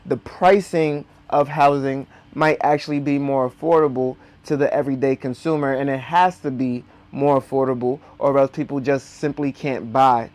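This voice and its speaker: A man's voice: medium pitch, fairly even intonation, moderate pace, few pauses, darkish tone. A man speaking with dental braces that slightly impede his articulation, explaining things to viewers as a video host. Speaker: host of a personal finance video.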